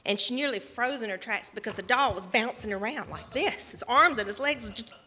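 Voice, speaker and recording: A woman telling a children's story during a church service, in an animated, storytelling way. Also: a little high, fairly quick, big-room sound, a little hiss or hum. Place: church sanctuary.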